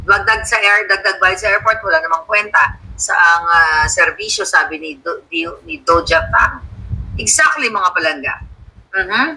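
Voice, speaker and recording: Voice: mid-range voice, normal speed, pushed and bright, a little hiss or hum, low-quality recording. A livestream host giving scornful, combative political commentary and reading viewer comments aloud. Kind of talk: casual live commentary. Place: home studio.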